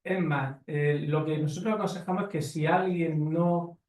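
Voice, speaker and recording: A man with a somewhat high, slightly mellow voice speaks at normal speed with fairly even intonation on a conference panel, answering questions. He makes his points bluntly and emphatically, lecturing with rhetorical questions to the audience, and the recording is echoey and distant in the hall.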